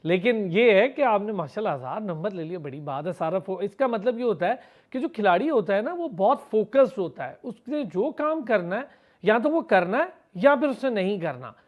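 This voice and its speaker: A man's voice: sits high, lively intonation, moderate pace. A man from Pakistan with a Pakistani Urdu accent, interviewing an athlete on a TV sports show in long, multi-part questions full of praise.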